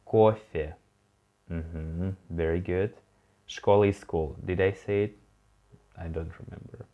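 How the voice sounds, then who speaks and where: A male tutor leads a beginner lesson in a very low, unhurried voice. He patiently prompts the learner to repeat each word and encourages them, and the audio sounds a little dull and lo-fi. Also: steady tone. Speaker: language teacher. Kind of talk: online language lesson.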